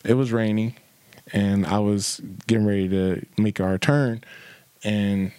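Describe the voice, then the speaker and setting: A man's voice: lowish voice, steady tone, measured pace, mellow, clean tone, dry recording. A young man chatting casually, telling a story with lots of fillers and acted-out quotes. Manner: rambling, many fillers, acts out quotes. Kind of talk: casual chat.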